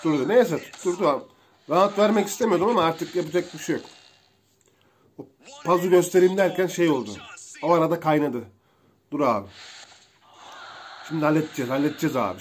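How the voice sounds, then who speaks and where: A young man casually commentates a mobile wrestling game for viewers, excitable and slangy as he calls out moves and reacts to hits. His voice is a little high, with a slight hiss or hum.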